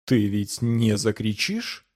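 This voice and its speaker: A man voicing a calm, indifferent doctor in an audiobook, speaking softly and mildly with a coolly detached manner. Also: medium pitch, a little slow. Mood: gently probing. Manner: soft, mild-spoken, coolly detached. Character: calm indifferent middle-aged male doctor. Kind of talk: audiobook character voice.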